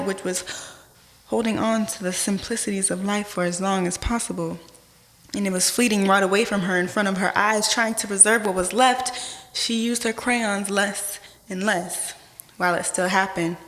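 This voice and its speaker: A woman performs spoken word poetry in a big, reverberant hall, her mid-pitched voice trailing long echoes. Her delivery is rhythmic and dramatic, swelling and then pausing with deliberate weight. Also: fairly bright tone.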